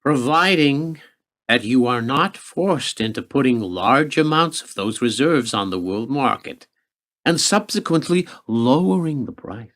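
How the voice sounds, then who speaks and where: Playing a senior American government official in a radio drama, a man sounds smug, sardonic and condescending, with a threatening edge. He speaks at a measured pace in an expressive, medium-pitched voice of fairly bright tone that rises and falls theatrically.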